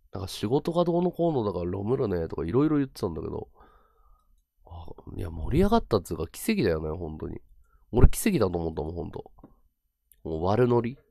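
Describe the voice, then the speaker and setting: A man casually chatting with his viewers on a livestream, with rough slangy talk that swings between excited bursts and low mumbled asides. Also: dry recording, studio quality. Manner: rough slangy talk, repeats words for emphasis. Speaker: live streamer.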